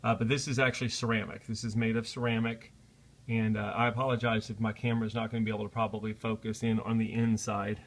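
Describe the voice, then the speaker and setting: A man talks through a casual unboxing in a slightly low voice. He chats along in an easygoing, apologetic way and fills his pauses with "uh" and "um.". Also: little pitch movement, vocal fry. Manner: chatty and apologetic, with frequent "uh" fillers. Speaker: product reviewer.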